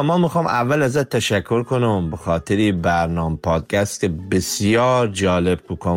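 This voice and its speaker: A man with a southern Iranian accent leaving a leisurely voice message for a podcast. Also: fairly low pitch. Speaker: listener sending a voice message. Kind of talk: casual voice message.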